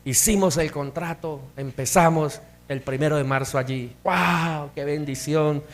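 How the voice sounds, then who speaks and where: A middle-aged man preaches a sermon in a fairly high voice. He tells his story plainly, then climbs into emphatic, rising bursts of conviction. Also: unhurried. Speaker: pastor. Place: church hall.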